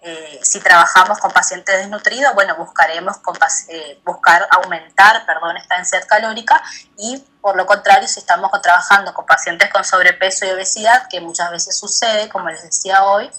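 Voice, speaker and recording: A woman gives an online nutrition lecture. Her voice is fairly low but bright, and she hesitates and corrects herself as she goes, checking in with her students now and then. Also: poor audio. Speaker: nutrition professor.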